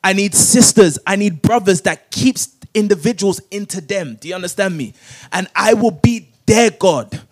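A man's voice: high-pitched, lively intonation, moderate pace. A man preaching a sermon, calling for verses to be read aloud and repeating them with rising emphasis. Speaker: pastor. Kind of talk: sermon with call-and-response scripture reading.

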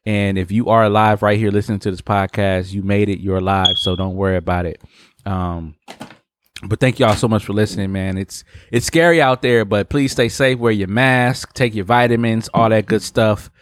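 A man's voice: fairly low pitch, fairly even intonation, moderate pace, clean tone. A man in his late twenties hosting a casual podcast chat, laid-back and tacking "man" onto his sentences. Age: 20s. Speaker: podcast host.

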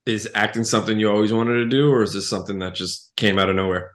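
A man's voice: fairly low pitch, fast. A man hosting a podcast, chatting casually and friendly with his guest. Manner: relaxed, friendly, reads scripted intro and ad. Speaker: podcast host. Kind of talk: casual interview chat.

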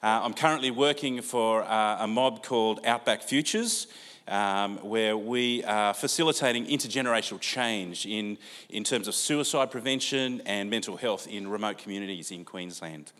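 An older Australian preacher's voice sits on the low side as he delivers a sermon at normal speed. He talks in a relaxed, conversational manner full of fillers, and the church hall gives a long reverb.

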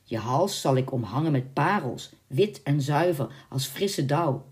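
A woman's voice: low voice, animated, a little slow, darkish tone. A woman doing a haughty, lustful young nobleman. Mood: wooing. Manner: haughty and demanding. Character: proud arrogant young nobleman, lustful and grim.

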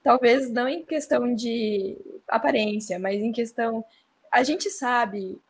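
A woman co-hosting a casual podcast chat, reassuring and quick to giggle. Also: mid-range voice, breathy edge. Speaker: podcast co-host.

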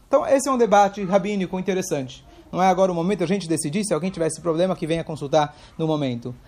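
A man's voice: high voice, very fast, darkish tone. A man teaching a Torah class, explaining step by step and asking questions aloud to his listeners. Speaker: religious teacher.

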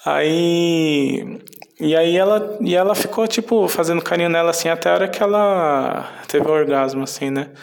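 Man, Brazilian Portuguese accent, somewhat high pitch, casual storytelling, meandering and hesitant. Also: moderate pace, creaky.

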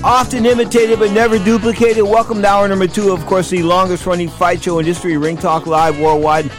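A man hosting a radio sports show, opening it with theatrical, drawn-out ring-announcer delivery in lucha libre fashion. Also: high-pitched, flat delivery, over music. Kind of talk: showy live radio show introduction.

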